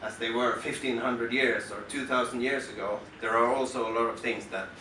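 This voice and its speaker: This Norwegian-accented musician from western Norway presents his work from a concert club stage, halting and thoughtful, restarting often. He speaks at medium pitch with a steady yet sharp tone. Recorded from the audience through the house speakers, the sound is roomy and distant with slight background noise.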